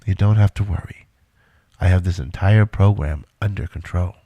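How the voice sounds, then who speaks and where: A man plays a self-assured, controlling middle-aged inventor in an audio drama, his delivery measured and instructive yet reassuring. The voice is low-pitched and husky, with a dark tone.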